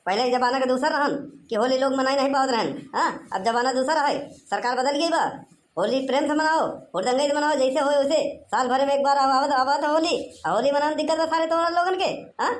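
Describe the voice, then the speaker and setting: A woman's voice: sits high, fairly quick, echoey room, natural voice. A woman voicing a drunk, boastful male local goon in a cartoon, with an Awadhi accent and a slurred, rambling, bossy way of talking. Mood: drunken bluster. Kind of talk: cartoon voice acting.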